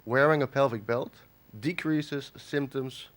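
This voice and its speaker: A Dutch conference speaker lectures in a hall while battling a cold, his tone fairly bright at a middling pitch. He halts often, restarting sentences and filling gaps with fillers.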